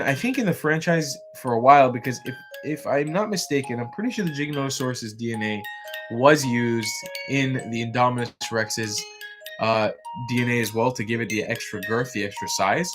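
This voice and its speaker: A man's voice: medium pitch, brisk, a bit bright, faint music behind. Rambling, sleepy livestream host, man. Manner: chatty, rambling, frequent fillers and restarts. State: yawning, tired. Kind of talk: casual livestream chat.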